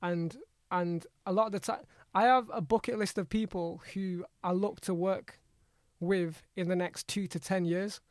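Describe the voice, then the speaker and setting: A man's voice: high-pitched, fairly even intonation, moderate pace, no echo, clean studio sound. A man with an urban London roadman accent, telling stories casually in slang as a podcast guest and repeating his phrases. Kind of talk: casual conversational storytelling.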